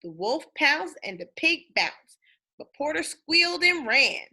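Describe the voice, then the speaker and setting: This storybook reader has a high, bright, forceful voice with big swings in pitch. Speaking directly to the children, she reads dramatically and breaks off now and then to ask them questions.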